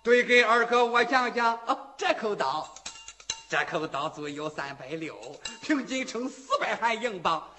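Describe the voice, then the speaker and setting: An eager, timid young man who pleads earnestly with his elder sworn brother, played by a male storyteller. The voice is high and bright and moves in wide, lively swings of pitch. He speaks his lines in a rhythmic storytelling cadence. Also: a little slow, faint music behind, exaggerated voice.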